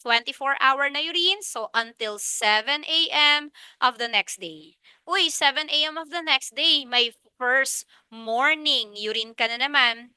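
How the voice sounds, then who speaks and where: High, bright Filipino woman lecturing. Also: measured pace, no room sound. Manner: asks questions and answers them herself, repeats key points. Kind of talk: review lecture mixing Tagalog and English.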